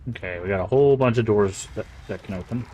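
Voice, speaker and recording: A man casually commenting on a game while streaming live, chatty and relaxed, with quiet mumbled asides. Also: lowish voice, fast talker, lo-fi sound, slight background noise.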